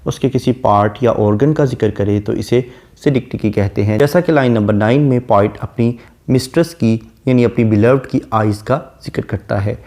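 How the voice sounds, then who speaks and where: A man giving a literature lecture, explaining a poem line by line and reciting the English verses slowly before explaining them. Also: mid-range voice, mellow.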